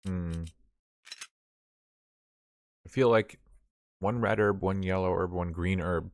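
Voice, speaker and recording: A man's voice: low voice, takes it slowly, no echo, clean studio sound. A man streaming a video game, rambling and thinking aloud in casual commentary, swearing now and then.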